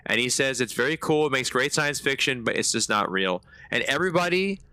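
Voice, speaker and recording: A man streaming a game live and talking to his chat in a loose, slangy way. His voice is bright and forward with some edge, and the sound is close and dry. He rambles into animated stories between moments of play. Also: medium pitch, brisk, no room sound. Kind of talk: live gameplay commentary.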